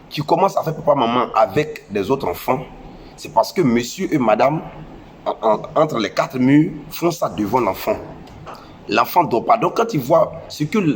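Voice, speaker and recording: At a moderate pace, a young man speaks in an animated, medium-pitched voice with slight background noise behind him. He's a social media commentator with a West African French accent and a head cold, delivering an impassioned, preachy monologue that scolds parents and repeats phrases for emphasis.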